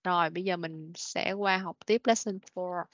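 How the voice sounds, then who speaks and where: A woman's voice: on the low side, fairly even intonation, no room sound. A woman teaching children English in an online class, patiently correcting pronunciation and repeating words. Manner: patient, repeats words slowly, frequent "rồi, ok". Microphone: video call meeting recording. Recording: dull, dry lo-fi meeting recording.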